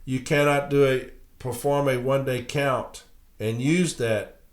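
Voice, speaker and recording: Low-pitched, medicated-sounding man in an echoey room. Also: steady tone, unhurried. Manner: blunt, emphatic, repeats points and checks in with "okay?". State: heavily medicated, sounds under the weather. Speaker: podcast host, letter carrier advising coworkers. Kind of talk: solo podcast talk mixed with reading documents aloud. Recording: roomy, echoing sound.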